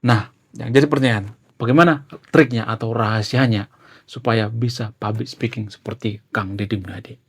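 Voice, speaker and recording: A man's voice: lowish voice, fairly even intonation, moderate pace, breathy edge. A young man explaining casually in a chatty way, peppering his sentences with fillers. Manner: chatty, filler-heavy, often ends with "ya". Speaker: YouTuber.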